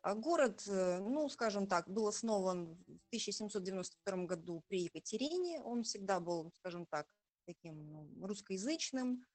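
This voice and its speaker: A woman in her forties from Transnistria, a journalist speaking in an interview in a proud, thoughtful way with hesitant pauses. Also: mid-range voice, lively intonation, no room sound. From Transnistria, Moldova. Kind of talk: conversational interview.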